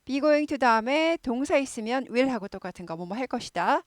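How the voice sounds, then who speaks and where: A woman with a high, expressive voice gives a casual, chatty lesson on English phrases at normal speed, with no echo. She keeps affirming herself with short fillers and repeats words to drill pronunciation.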